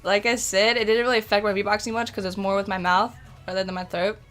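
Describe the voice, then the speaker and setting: A woman's voice: medium pitch, steady tone, fast, a bit bright, soft background music. A woman hosting a video, chatting casually and informally to her viewers. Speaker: beatboxer, video host.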